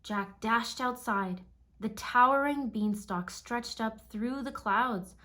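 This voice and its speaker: A woman reads a children's storybook aloud, measured and expressive in a storytelling manner. Her voice is on the high side.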